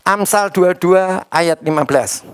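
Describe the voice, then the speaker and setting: A man preaching a sermon as pastor, quizzing the congregation and swinging between loud emphatic lines and quiet asides. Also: high voice, a little slow, slight background noise. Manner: asks the congregation questions, addressing them as brothers and sisters.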